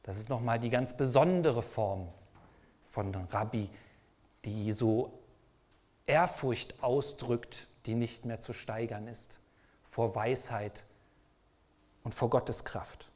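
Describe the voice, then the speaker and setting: A man's voice: medium pitch, slow, pauses often, darkish tone. A man preaching a sermon, speaking emphatically and asking the listeners repeated rhetorical questions.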